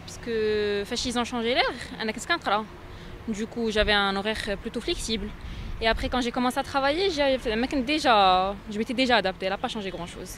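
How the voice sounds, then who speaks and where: A young woman talks quickly and casually into a handheld mic, slightly high-pitched. Faint traffic noise rises from the street around her. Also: a bit bright. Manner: chatty, mixing languages. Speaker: passerby interviewee. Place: city street outdoors. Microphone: handheld reporter mic.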